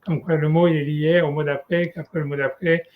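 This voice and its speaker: A man teaching Torah in a relaxed one-on-one study session, talking casually with many restarts and fillers. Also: on the high side, a little fast, narrow, tinny audio, a little hiss or hum.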